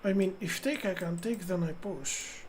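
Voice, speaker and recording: A woman's voice: on the low side, moderate pace, a little hiss or hum. A woman from Tunisia, chatting with viewers and thinking aloud as a chess streamer. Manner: chatty, reads chat aloud and thinks out loud over moves. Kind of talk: live-stream commentary.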